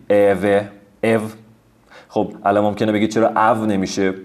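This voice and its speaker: A man giving a recorded language lesson over slides, patiently spelling out letters and sounding out words slowly. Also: lowish voice, a little mellow. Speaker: language teacher.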